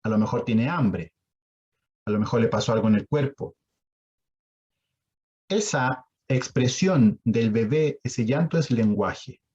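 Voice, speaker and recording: Husky Chilean man teaching online. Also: mid-range voice, animated, a little slow, long pauses, darkish tone, muffled recording. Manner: explanatory, asks the audience questions. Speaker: sign language instructor. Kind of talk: online lecture.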